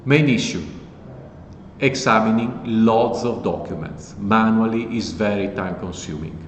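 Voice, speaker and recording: A low-pitched man talks through a software walkthrough in a relaxed, matter-of-fact way. The recording is echoey, with a long reverb tail and faint background noise. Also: measured pace, dull audio. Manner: relaxed, plain explanatory talk. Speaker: host explaining code. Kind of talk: casual tech tutorial.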